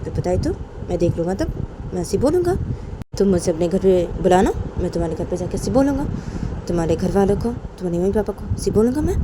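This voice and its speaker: A woman's voice: medium pitch, background noise, close to an everyday voice. A woman voicing a male teacher who firmly tells his student what to do, repeating herself. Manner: firm, repeats commands. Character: bossy male teacher, scolding then coaxing.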